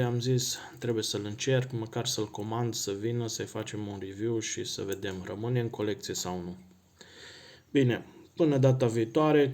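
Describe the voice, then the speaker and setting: A man vlogging as a watch collector, talking casually and thinking aloud, often pausing and correcting himself mid-phrase. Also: mid-range voice. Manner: relaxed, thinking aloud with pauses and self-corrections. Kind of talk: casual unboxing talk.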